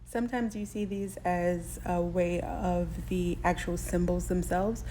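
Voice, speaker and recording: A woman's voice: lowish voice, steady tone, unhurried, warm tone, slight background noise. A woman hosting a shopping channel who explains how to say tricky words in a chatty way, laughing lightly now and then. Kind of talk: casual explanatory lesson.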